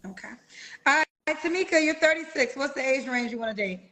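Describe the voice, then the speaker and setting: A woman hosting a dating show, asking her guest brisk, businesslike questions. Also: high-pitched, lively intonation, pushed and bright. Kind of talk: interview questions.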